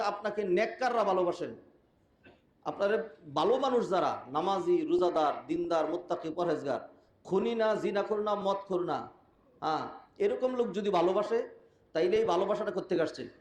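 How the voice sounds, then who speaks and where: A man preaching a Friday sermon with a hoarse voice, in an impassioned way, asking rhetorical questions and shifting between everyday speech and Arabic recitation. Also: high voice, echoey room.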